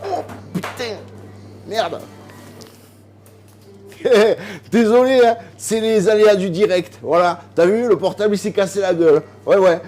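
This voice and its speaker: Man, higher pitched, chatty, home kitchen cooking vlog, talks to the viewer. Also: fairly quick, few pauses, darkish tone, soft background music. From southern France. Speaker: cooking video host.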